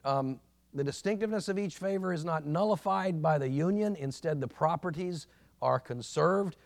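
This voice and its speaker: A man teaching a church history class in an informal lecture, earnest and halting, with many restarts and fillers. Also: fairly high pitch, gravelly.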